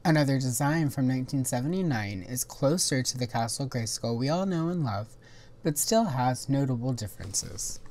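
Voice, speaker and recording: Scripted, informative documentary narration for a toy history video comes from a woman host whose measured voice is a rumbling low with a darkish tone.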